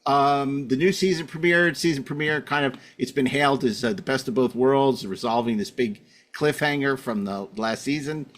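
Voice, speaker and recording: With a medium-pitched voice at a normal speed and few pauses, a middle-aged man hosts a podcast. His casual introductions are rambling, wry and self-mocking.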